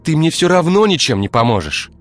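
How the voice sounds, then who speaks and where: Man voicing a shrill sharp-tongued young woman. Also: sing-song, fairly quick, soft background music. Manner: shrill, pleading then scornful. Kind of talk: audiobook character voice.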